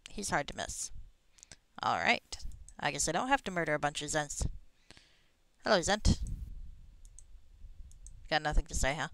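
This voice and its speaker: A woman's voice: sits low, animated, moderate pace, pauses often, a bit bright, dry recording. A woman giving casual gameplay commentary as a streamer, musing wryly to herself with plenty of swearing. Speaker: game streamer. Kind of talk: casual gameplay commentary, reading dialogue aloud.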